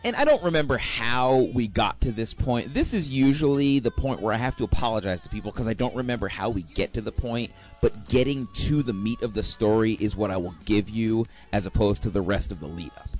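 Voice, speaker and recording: Animated man telling a rambling story. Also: fairly low pitch, a little fast, few pauses, soft background music. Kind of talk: casual anecdote.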